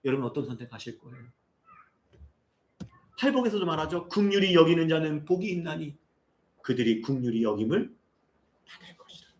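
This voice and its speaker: High, animated preacher in his forties. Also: a little fast, long pauses. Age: 40s. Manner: asks the congregation constant rhetorical questions; builds to impassioned, near-shouted appeals. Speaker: pastor. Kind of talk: sermon. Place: church sanctuary. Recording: echoey church sanctuary.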